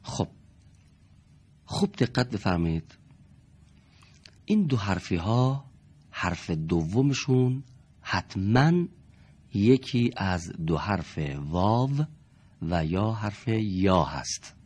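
Male reading teacher, husky low voice, lively patient classroom delivery. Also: long pauses. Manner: patient, explains step by step, repeats key terms. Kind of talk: classroom lesson.

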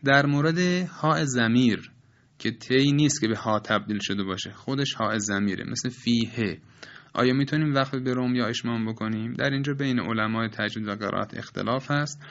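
A man's voice: medium pitch, a bit bright. Patient male recitation teacher, muffled. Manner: measured, patient explaining with polite formal phrasing. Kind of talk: recorded lesson.

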